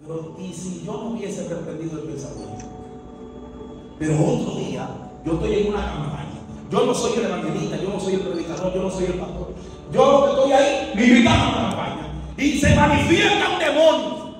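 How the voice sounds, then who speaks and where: High-voiced preacher in an echoing hall. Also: male voice, animated, fairly quick. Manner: impassioned preaching, swings from loud to hushed; tells stories with acted quotes. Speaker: pastor. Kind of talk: sermon. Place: church hall. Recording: echoey hall from far off, music behind.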